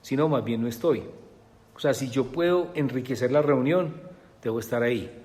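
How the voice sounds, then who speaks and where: A man's voice: medium pitch, moderate pace, a little mellow, in a large hall. A man telling a personal story in a rambling way, full of filler words, as an interview guest. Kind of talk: conversational storytelling.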